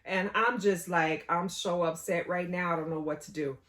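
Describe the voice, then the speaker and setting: A woman telling a story about her marriage to viewers in a casual, animated way. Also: fairly low pitch, moderate pace. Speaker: co-host.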